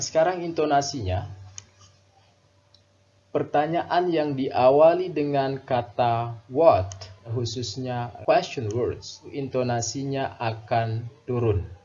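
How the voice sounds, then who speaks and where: A man from Indonesia teaches English grammar in Indonesian, taking his time over each point. His voice is mellow and warm, and the recording sounds dull and lo-fi. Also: medium pitch. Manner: slow, deliberate explanations with repeated example sentences. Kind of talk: grammar lesson explained in Indonesian.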